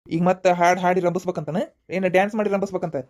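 A woman doing a gruff old cartoon husband with a North Karnataka accent. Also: on the low side, fairly even intonation, fast talker, a little mellow, close to an everyday voice. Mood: gruff coaxing. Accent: North Karnataka Kannada. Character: grumpy old husband, hungry and teasing.

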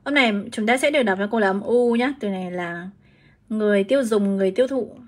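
A woman's voice: mid-range voice, quick pace. A woman English teacher from Vietnam, giving a chatty live-streamed exam prep lesson and explaining each answer step by step.

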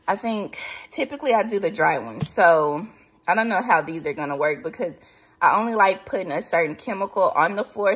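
Showing her groceries on camera, a woman in her thirties with a Southern accent chats casually and says "y'all" a lot. She's a vlogger from the American South whose voice sits on the low side and sounds a bit bright, with a little hiss or hum.

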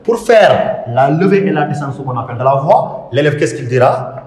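A man's voice: fairly high pitch, animated, moderate pace, a little mellow. A male literature teacher from Senegal, lecturing on poetry in a didactic way, often repeating himself and asking and answering his own questions. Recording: echoey room with long reverb.

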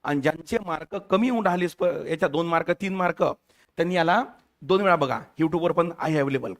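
A man's voice: a little high, a little fast. A male teacher giving a lecture for competitive exams, firing questions at his students and mixing English terms into his talk.

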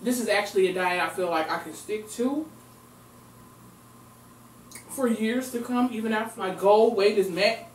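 In an echoey home recording room, a young woman eats on camera and chats expressively for her casual mukbang vlog, murmuring eating sounds between words. Her mid-range voice moves at normal speed with long pauses, picked up from afar by a camera mic with slight background noise.

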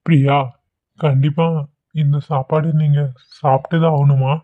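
A performer voicing a gentle, concerned husband in a cartoon. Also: mid-range voice, flat delivery, normal speed, phone-quality sound, natural voice. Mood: worried. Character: caring worried husband. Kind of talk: Tamil cartoon voice acting.

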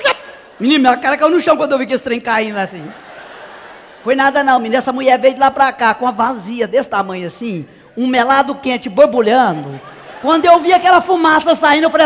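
A man's voice: very high voice, fairly bright tone, long reverb tail, slight background noise, exaggerated voice. A man playing a brash, naive country woman from the interior, telling a comic story in character. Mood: shrieking. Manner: chatty, exaggerated, squealing cries. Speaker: comedian.

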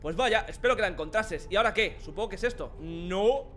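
Excitable young Spanish gamer, very high voice. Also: male voice, fairly quick. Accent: Spain Spanish. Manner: excitable, jokey, shouts at enemies. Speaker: gaming commentator. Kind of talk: let's play commentary.

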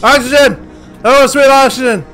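Panicky, screaming high-pitched man gamer. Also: steady tone, moderate pace, soft background music. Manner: panicky, constantly screaming and yelling at enemies. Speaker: gaming YouTuber. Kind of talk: screaming horror game commentary.

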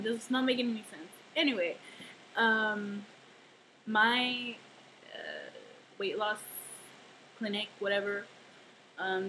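A woman's voice: medium pitch, bright, forceful tone. A woman talking casually to her camera at home in a rambling video diary, with lots of fillers and self-deprecating asides. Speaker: vlogger. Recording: noisy home camera recording.

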